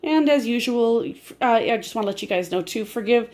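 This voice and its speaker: A woman with a breathy voice, short of breath from bronchitis, chatting casually in a rambling, explanatory way as an amateur vlogger filming on a handheld phone at home. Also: on the high side, expressive, a little fast, darkish tone. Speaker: amateur grocery haul vlogger. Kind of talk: casual chatty haul narration. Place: indoors at home.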